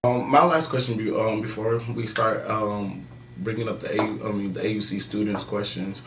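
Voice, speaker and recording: A man's voice: fairly low pitch, fairly even intonation, normal speed, fairly bright tone, slight background noise. A young male student hosting a podcast, asking hesitant questions while searching for his words. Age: young adult. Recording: roomy, distant mic.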